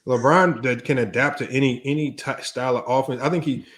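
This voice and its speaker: A male podcast host at mid pitch, talking loose and unscripted on a live sports debate stream. He rambles, stumbles over repeated words and keeps ending phrases with "man". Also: a little fast, a bit bright.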